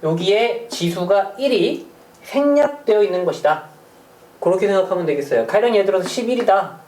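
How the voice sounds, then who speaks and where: A teacher talks through a math lesson with a voice that swings lively up and down, throwing out questions and little jokes. The sound is roomy, picked up from a little distance. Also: mid-range voice, a little fast. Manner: chatty, asks rhetorical questions, small jokes. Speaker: middle school math teacher. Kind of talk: recorded online math lecture.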